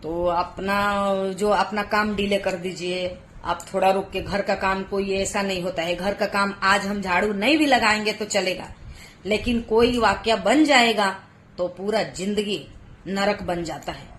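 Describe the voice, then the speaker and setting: A woman's voice: medium pitch, steady tone, a little slow, a bit bright, slight background noise. A woman in her thirties, a mother vlogging from home, talking earnestly and emotionally as she pleads with other parents. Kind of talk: heartfelt personal vlog advice. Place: home, Gujarat.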